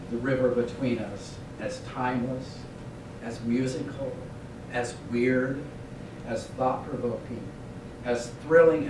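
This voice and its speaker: A man hosting an event, reading a formal, prepared welcome speech in measured, scholarly phrasing. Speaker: host introducing an exhibition and artists. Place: reverberant room at a public event. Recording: very echoey, distant mic, rumbling noise.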